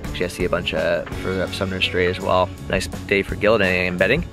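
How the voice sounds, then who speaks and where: Speaking in a deep, fast voice, a relaxed man vlogs casually from a sailboat at sea, rambling with lots of ums. He films on a handheld action camera at arm's length, outdoors and in the cabin, with background music layered over the audio.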